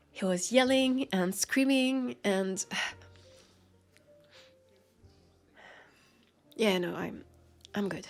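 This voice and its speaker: In an intimate audio drama monologue, a woman with a French accent plays a world-weary, guarded immortal vampire detective. Her medium-pitched voice is creaky and breathy, slipping toward whispers as she speaks haltingly and confidingly. She sounds grieving and pained.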